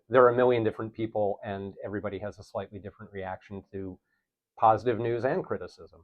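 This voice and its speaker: Middle-aged new guy, low voice, earnest and thoughtful, kinda dull lo-fi sound. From New York City. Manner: thoughtful, earnest, self-correcting. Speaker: teacher, interview guest. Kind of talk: relaxed reflective conversation.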